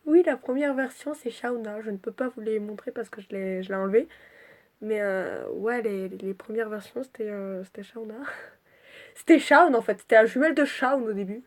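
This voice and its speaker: Woman vlogging about her drawings, highish voice, scattered and sweary, stuffed up from a cold. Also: normal speed. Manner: chatty and scattered, swears freely. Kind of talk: casual rambling vlog.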